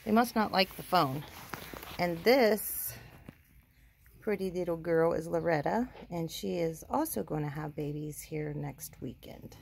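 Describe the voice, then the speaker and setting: A woman vlogger talks slowly as she tours her farm outdoors among the animals, holding a phone camera while she walks. Her lowish voice is creaky and a little mellow, and there's a bit of hiss or hum. She's chatty, speaks sweetly to the animals, and seems unsure of their breeds.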